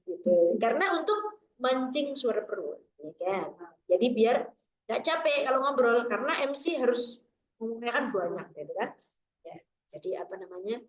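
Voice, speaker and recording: High-voiced woman teaching recitation. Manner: slow, drawn-out demonstrations of letter sounds. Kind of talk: tajwid lesson with drills. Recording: echoey, dull lo-fi room recording.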